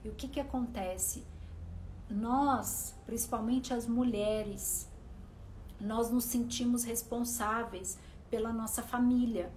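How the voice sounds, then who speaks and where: High-voiced Brazilian woman guiding a live relaxation. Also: steady tone, slow pace, darkish tone, slight background noise, poor audio. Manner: encouraging, repeats phrases for emphasis. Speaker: host and guided meditation leader. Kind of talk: motivational guided relaxation and live-stream talk.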